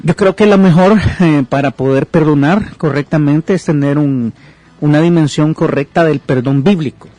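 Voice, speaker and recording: Man, podcast counselor, conversational bible teaching, reads verses aloud, warm mellow tone, dry room. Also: on the high side, normal speed, no room sound. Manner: explanatory, retells scripture with asides. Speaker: podcast host giving pastoral counsel.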